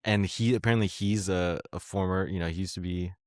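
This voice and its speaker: A man's voice: low voice, fairly even intonation, brisk, no room sound, studio quality. A young man hosting a podcast in casual chat, laid-back and laughing often, swearing freely as he retells stories. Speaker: podcast host.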